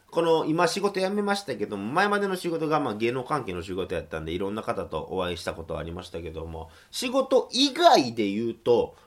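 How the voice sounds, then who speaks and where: A man's voice: fairly high pitch, fairly bright tone. A young man with a Kansai accent hosts a casual radio monologue, telling his stories in a chatty, self-deprecating way. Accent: Kansai Japanese. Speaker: radio show host.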